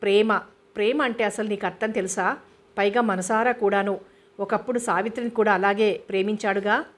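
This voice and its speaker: A woman narrator voicing a tired, sharp-tongued elder sister in a novel reading. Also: medium pitch, fairly even intonation, a little fast, lightly acted.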